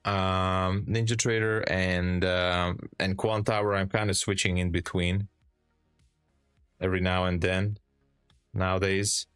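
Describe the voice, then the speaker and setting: A man's voice: deep voice, flat delivery, unhurried, fairly bright tone, clean tone, dry recording, studio quality, faint music behind. A young Hungarian man with a Hungarian accent, streaming live trades and chatting casually with viewers, laughing often and restarting his sentences as he reads the chat. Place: home trading room. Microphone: headset.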